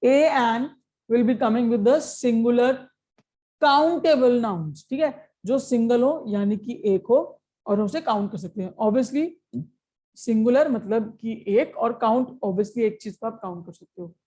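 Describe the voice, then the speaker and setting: A woman's voice: a little high, takes it slowly, dark tone. A woman teaching an exam-prep grammar lesson, explaining step by step and often checking with short questions. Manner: explains step by step, mixing Hindi and English.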